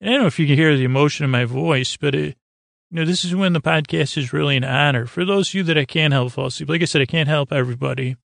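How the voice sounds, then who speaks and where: A creaky-voiced man, on the high side in pitch, hosts a sleep podcast with rambling bedtime talk meant to lull listeners to sleep. He meanders and halts, gently goofy, repeating himself and trailing off into wordplay, and the sound has no echo.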